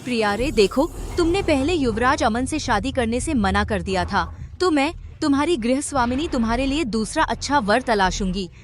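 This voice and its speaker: An actress playing a haughty, scheming mistress of the house who sneers and gives orders, in dubbed drama acting. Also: female voice, on the high side, animated, moderate pace, music in the background, lightly acted. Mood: sneering. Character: haughty, scheming stepmother, middle-aged woman.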